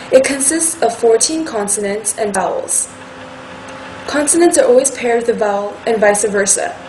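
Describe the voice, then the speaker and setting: A woman gives a slow, scripted language lesson. Her voice sits fairly high, and she repeats each syllable patiently for learners. The room is echoey, with a faint air conditioning hum behind her. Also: darkish tone. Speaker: language teacher.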